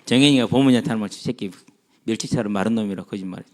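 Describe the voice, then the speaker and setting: A man's voice: fairly low pitch, rapid-fire. A man preaching an afternoon church sermon, asking the congregation questions and acting out the voices of people in the story. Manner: animated, acts out quoted voices, asks the congregation questions. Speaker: pastor.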